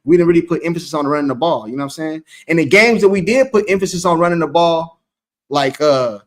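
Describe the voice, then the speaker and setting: A man's voice: on the high side, fast. A man hosting a loose, rambling sports talk show, reading from a live chat. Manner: loose, rambling, repeats himself. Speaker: host.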